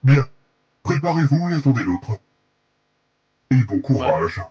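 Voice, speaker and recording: A man playing a formal mission commander in a roleplay game who speaks slowly and gives orders. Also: mid-range voice, big pitch swings, mellow, slightly rough, highs cut off, heavily acted. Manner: slow, formal, addresses the team as vous.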